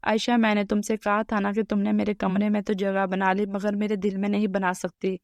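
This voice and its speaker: A woman's voice: medium pitch, monotone, darkish tone, no echo, dull audio, lightly acted. Woman reading as a proud young husband. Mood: tender. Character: young husband, proud, stern turning tender.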